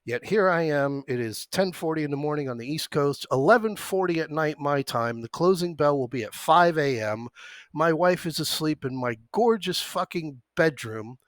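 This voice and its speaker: A man's voice: fairly high pitch, animated, normal speed, fairly bright tone, dry recording, studio quality. Profane rambling man trading on stream. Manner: profane, rambling, jumps between anecdote and stock prices. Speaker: options trading stream host. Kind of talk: livestream storytelling mixed with market commentary. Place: at his computer at home.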